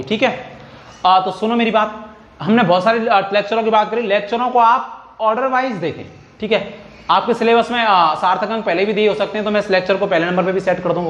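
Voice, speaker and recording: A man's voice: high voice, fairly bright tone, roomy sound, dull audio. A man giving a chemistry lecture, teaching by repeating points and quizzing students with questions. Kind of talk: classroom lecture.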